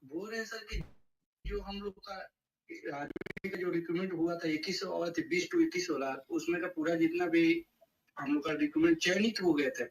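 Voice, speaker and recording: A man's voice: fairly high pitch, fairly bright tone, slight background noise. A man calling in to a live online talk, pressing an earnest, repetitive complaint. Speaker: caller. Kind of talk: call-in question. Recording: far-off echoey line.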